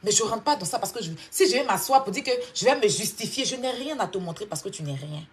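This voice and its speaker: A woman from Côte d'Ivoire with an Ivorian French accent, delivering a confrontational, mocking monologue that swings from loud outbursts to low scolding. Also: lively intonation, fast, slight background noise. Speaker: online commentator. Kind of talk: heated clash monologue.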